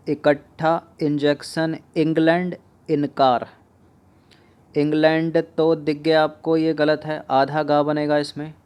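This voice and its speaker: A man in a slow, patient teaching delivery with a slightly raised voice. He drills exam spelling, saying each word over and over as he corrects it. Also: a little high, darkish tone, clean tone. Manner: slow, repeats each word several times while explaining. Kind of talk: spoken Hindi spelling lesson.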